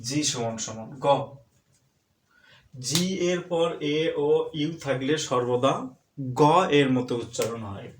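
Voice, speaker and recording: A male English teacher with a Bangladeshi accent, slowly and deliberately spelling out letters and sounds in a spoken English pronunciation lesson. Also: medium pitch, a little hiss or hum. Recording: echoey room, voice distant from the mic.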